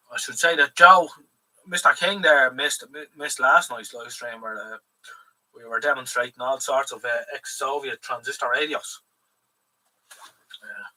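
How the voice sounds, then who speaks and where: Chatting loosely on his live stream, this Irish host swears freely and wanders from topic to topic. His medium-pitched voice comes across bright and forceful, picked up from a little distance with slight background noise.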